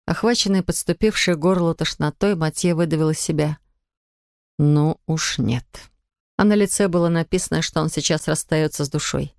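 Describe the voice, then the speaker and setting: A woman narrating a literary novel in an even, measured storytelling voice. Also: low-pitched, no room sound, clean studio sound. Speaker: audiobook narrator.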